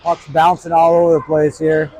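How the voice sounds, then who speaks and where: A man's voice: fairly high pitch, completely flat delivery, a little mellow. Man calling hockey in a big echo. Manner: brisk, clipped play calls that rise toward the final seconds. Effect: heavy echoing reverb, like a big hall. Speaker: play-by-play commentator. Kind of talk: live hockey commentary. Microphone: microphone placed near an iPad. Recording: echoey reverb-heavy recording with faint noise.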